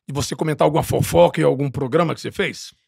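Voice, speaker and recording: A man hosts a casual podcast interview and throws out teasing questions. His voice is gravelly and husky, and he talks quickly. The room sounds dry. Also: fairly high pitch, a little mellow, no room sound. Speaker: podcast host.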